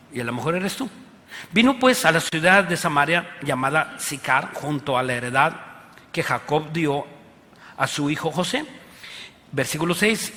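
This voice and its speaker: Mexican pastor preaching in a reverberant hall. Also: male voice, a little high, fairly bright tone. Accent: Mexican Spanish. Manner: conversational preaching, tag questions, emphatic pleas. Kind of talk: sermon. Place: church auditorium.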